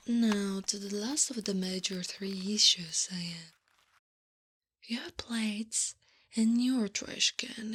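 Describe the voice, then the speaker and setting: An Italian woman performs a soft, often whispered ASMR roleplay as a doting, teasing, bossy wife who mothers her husband with coaxing pet names and gentle scolding. Her mid-range voice is husky, her mood brisk yet gentle.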